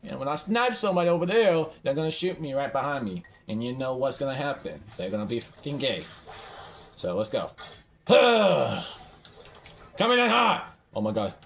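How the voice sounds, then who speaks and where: A young man giving excitable live commentary while playing a game, swinging from hushed mumbling to yelling. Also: medium pitch, a little fast. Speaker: gamer.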